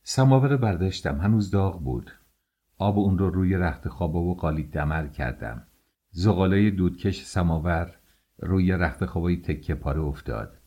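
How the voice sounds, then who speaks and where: Male audiobook narrator, deep voice, husky, measured first-person reading. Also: lively intonation, warm tone.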